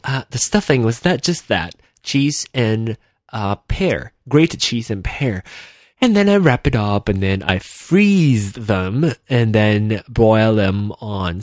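Rambling chatty man with a lively voice. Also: fairly low pitch, no room sound, clean studio sound. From Malaysia. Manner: rambling, self-correcting, chatty with frequent fillers. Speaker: podcast host. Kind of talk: casual solo podcast chat. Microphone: in-ear headphones with a desk mic.

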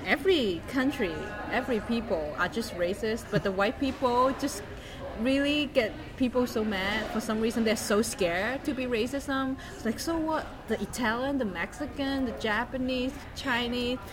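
A woman's voice: on the high side, moderate pace, a crowd in the background. A woman from Hong Kong, a guest in a casual podcast chat, blunt and playful. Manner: blunt, playful, laughs often.

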